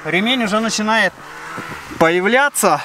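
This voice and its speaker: A snowmobile vlogger and instructor, hot and sweaty from the work, chats on an outdoor vlog in the snowy mountains, explaining things hands-on. His voice is high with lively intonation and a slightly slow pace, while wind and engine noise fill the recording.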